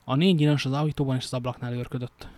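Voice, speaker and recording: A man's voice: mid-range voice, fairly even intonation, a little mellow, dry recording. A man reading a novel aloud, stumbling now and then and adding casual joking asides. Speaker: amateur reader.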